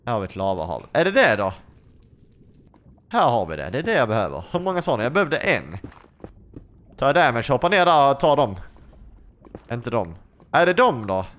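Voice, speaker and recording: A man giving excitable let's play commentary, asking question after question and swearing freely. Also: medium pitch, long pauses. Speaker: gaming YouTuber.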